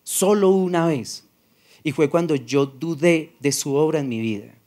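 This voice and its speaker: A male pastor with a Paisa Colombian accent, preaching in a soft-spoken, conversational way. His voice sits a little high for a man, and he acts out short exchanges with his listeners instead of shouting. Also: measured pace. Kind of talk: sermon.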